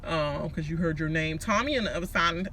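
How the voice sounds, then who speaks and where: A high-voiced man with a Washington, D.C. accent chats through a reality show recap. His tone is very bright and piercing, and he talks in a sassy, gossipy, slang-heavy way with casual swearing. There is faint noise behind him. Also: a little fast. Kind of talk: casual chatty recap commentary.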